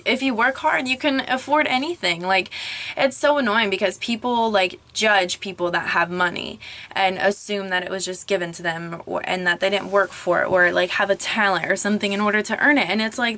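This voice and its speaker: Squeezed into a small closet full of clothes, a young female vlogger who's losing her voice sounds a little hoarse as she vents to a camera set up on a crib. Her mid-range, fairly bright voice grows more frustrated as she chats, peppered with "like" and "um."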